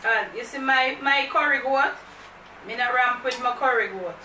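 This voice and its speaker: High bright Jamaican woman hosting a food vlog, chatty, mixes in patois, echoey room, far mic. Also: normal speed, a little hiss or hum. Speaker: mukbang vlog host. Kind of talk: casual chat to camera.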